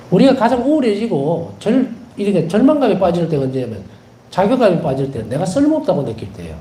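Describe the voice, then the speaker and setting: Animated Korean priest, roomy echo. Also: male voice, a little high, slight background noise. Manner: animated, repeats key words for emphasis; tells anecdotes with gentle humor. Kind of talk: devotional lecture.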